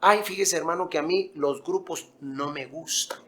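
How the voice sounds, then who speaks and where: Pastor guy preaching, kinda high voice, punchy and emphatic, tells stories. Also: normal speed, fairly bright tone. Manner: emphatic preaching with storytelling asides. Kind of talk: sermon.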